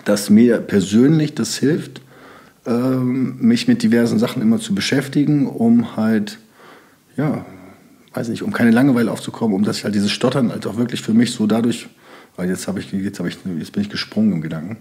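This mellow, lowish voice moves at a normal speed and belongs to a young man from Sauerland in Germany. In a casual podcast interview, he rambles through loose sentences filled with fillers.

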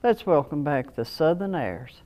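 A woman's voice: sits low, expressive, measured pace, dark tone. A woman hosting a gospel TV show, introducing a group in an earnest, devout way. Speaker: TV show host.

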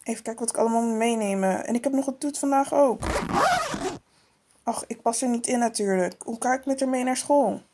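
A woman's voice: on the high side, fairly quick, noisy background, natural voice. Woman doing a whiny little girl. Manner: whiny, grumbling. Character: reluctant little girl who skips daycare. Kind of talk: toy-figure storytelling.

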